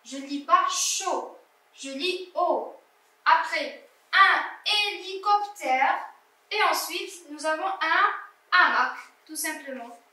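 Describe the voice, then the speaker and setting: Slow, high-voiced woman teacher in an echoey room. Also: bright, forceful tone, far from the mic. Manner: slow, deliberate, sounding out syllables. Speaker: primary school teacher. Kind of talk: slow classroom lesson correcting exercises. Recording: echoey room, voice away from the mic.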